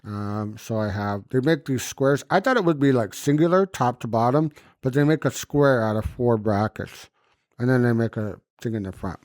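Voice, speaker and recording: A man's voice: medium pitch, animated, moderate pace, darkish tone, no room sound, studio quality. A man chatting casually and cursing freely, his speech impeded and muffled by a swollen lip and splints in his mouth. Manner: loose, informal, frequent cursing. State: puffy swollen lip and banded jaw after surgery. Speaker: podcast host. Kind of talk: casual chat, recounting a personal experience.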